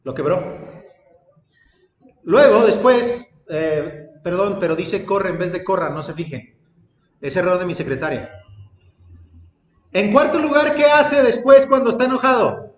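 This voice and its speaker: A man's voice: high-pitched, expressive, unhurried. A man preaching a sermon, telling a story and acting out its dialogue, then building up emphatic lists. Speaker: pastor. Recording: echoey hall with ambient noise.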